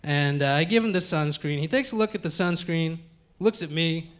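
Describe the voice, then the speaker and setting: A man's voice: a little high, normal speed. A man from the United States doing a live stand-up set in a comedy club, profane and talking straight to the crowd as folks.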